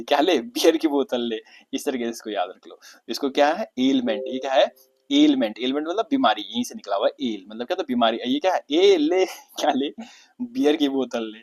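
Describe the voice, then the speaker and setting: A man's voice: medium pitch, darkish tone. A man, teaching an exam-prep vocabulary lesson in Hindi mixed with terms, asking questions and answering them himself while repeating key words.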